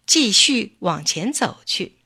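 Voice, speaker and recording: A woman reading a children's story aloud in clear, expressive storybook narration. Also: mid-range voice, slow, no room sound, clean studio sound.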